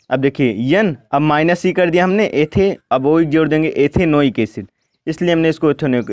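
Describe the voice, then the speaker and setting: A man teaching chemistry at a board, speaking slowly and asking questions he then answers himself. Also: on the high side, a little mellow, no echo. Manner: asks questions and answers them himself, repeats "ठीक ना". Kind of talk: board lesson, step by step.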